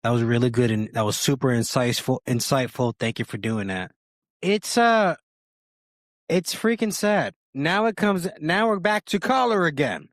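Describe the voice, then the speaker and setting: A man's voice: mid-range voice, moderate pace, no echo, studio quality. A man co-hosting a podcast, giving blunt, emphatic and opinionated commentary in casual chat. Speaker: podcast co-host.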